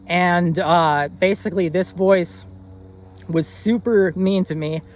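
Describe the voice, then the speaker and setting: A young man in his twenties tells a personal story straight to the camera. His voice sits a little high for a man. He talks earnestly and rambles, with many fillers and restarts. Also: fairly even intonation, takes it slowly, faint music behind. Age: 20s. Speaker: vlogger.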